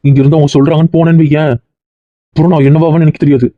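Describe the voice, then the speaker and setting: A woman's voice: sits low, little pitch movement, racing, no echo, narrow, tinny audio, close to an everyday voice. A woman playing an angry young husband in a family drama skit, heated and threatening. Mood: defiant. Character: young husband defending his wife, angry.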